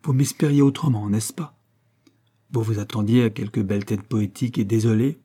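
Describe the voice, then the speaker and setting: A man reading aloud who voices an earnest, pious sixteen-year-old Venetian girl, pleading softly and at times in a hushed voice. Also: fairly low pitch, normal speed, slightly rough. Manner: pleading, soft and dreamy, sometimes whispered.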